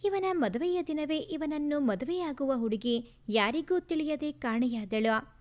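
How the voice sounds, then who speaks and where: A woman voicing a grieving middle-aged mother who talks gently and sorrowfully in a storybook tale. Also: sits high, measured pace.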